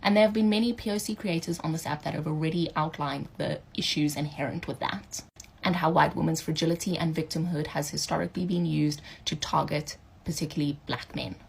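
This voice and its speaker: Woman commentator, very low husky voice, measured and critical. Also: fairly even intonation, rough recording. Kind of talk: social media commentary.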